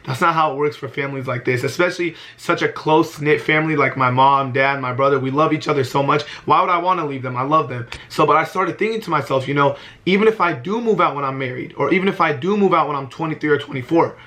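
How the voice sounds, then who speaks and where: A man's voice: fairly high pitch, quick pace, few pauses, bright, forceful tone. A man in his early twenties talking earnestly to camera in a heartfelt vlog, often repeating himself for emphasis. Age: 20s. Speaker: vlogger.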